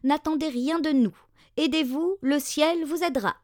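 A woman's voice: high voice, normal speed, a little mellow, no echo, clean studio sound, pitched above the performer's own voice, natural voice. A woman voicing an unyielding, wrinkled old female doorkeeper in a storybook reading. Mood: curt. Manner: curt, unyielding.

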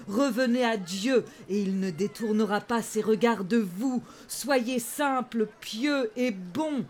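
A woman voicing a mysterious old man who preaches slow, solemn warnings. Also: on the high side.

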